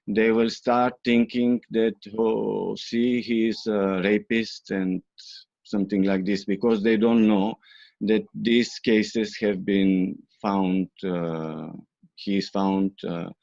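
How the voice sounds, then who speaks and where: This Bulgarian man, a guest in an interview, answers questions hesitantly and fills his speech with fillers. His voice sits on the low side with a darkish tone, captured in a dull, dry, lo-fi recording.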